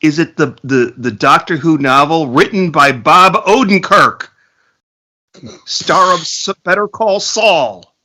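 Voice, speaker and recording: A man with a bright, sharp, fairly high voice chats on a casual podcast. He rambles through jokey asides and swears freely as he riffs on episodes. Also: slow pace. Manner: joking, profane, rambling asides. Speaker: podcast co-host. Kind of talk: casual podcast review chat.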